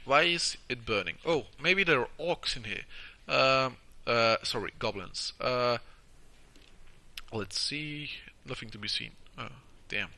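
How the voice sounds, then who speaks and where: A man giving casual, halting video game walkthrough commentary, crowded with uhs, sounding stuffed up from tissue in his nose. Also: medium pitch, lively intonation, creaky, bright, forceful tone. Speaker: gameplay video host.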